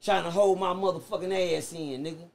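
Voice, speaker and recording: Animated, profane man telling stories. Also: high voice, brisk, creaky, a little hiss or hum. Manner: animated, profane, acts out voices of others. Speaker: podcast guest. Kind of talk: casual storytelling chat.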